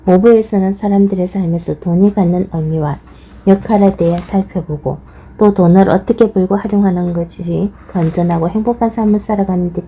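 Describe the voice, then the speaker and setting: A woman reading a nonfiction book aloud in measured, steady scripted narration. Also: medium pitch, a little hiss or hum, low-quality recording. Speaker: audiobook reader.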